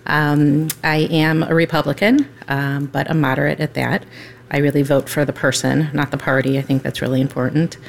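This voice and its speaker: A woman's voice: low voice, little pitch movement, moderate pace, vocal fry. A woman in her fifties, a mayor on a discussion panel, speaking steadily with frequent ums. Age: 50s. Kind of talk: casual discussion.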